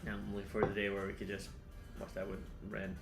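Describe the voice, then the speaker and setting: A man's voice: fairly low pitch, completely flat delivery, fast, reverberant, over loud music. A man in his thirties co-hosting a casual drawing chat, rambling and laid-back, swearing now and then. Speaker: co-host.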